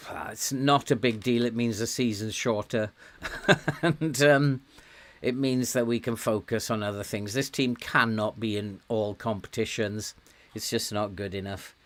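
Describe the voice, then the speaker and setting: This streamer, a man with a mid-range voice, chuckles softly and says um a lot as he reasons through a management game and greets his viewers. A sore throat has him steadily losing his voice.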